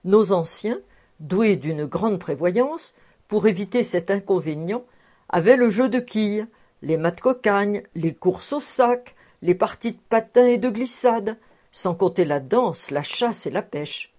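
A woman's voice: medium pitch, lively intonation, a little slow, darkish tone. A woman reading the part of a jovial, talkative man in a storybook, expanding on his point at length. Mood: explaining. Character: jovial, talkative middle-aged man at table.

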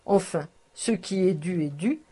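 A woman's voice: fairly low pitch, measured pace, dark tone, slightly rough. A woman reading aloud, voicing a cautious, brusque male cattle trader who talks grudgingly.

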